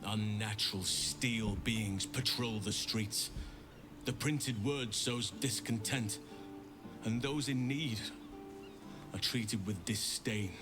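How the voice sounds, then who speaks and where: A man voicing an earnest, troubled druid leader in a video game, measured, grave and formal. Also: fairly low pitch, music in the background. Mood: troubled, weary.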